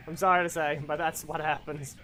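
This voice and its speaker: Over faint background music, a man with a fairly high voice speaks at a moderate pace, commentating live and casually on a fighting game. This gaming channel host gets excitable, naming moves as they land and mocking whoever he's up against.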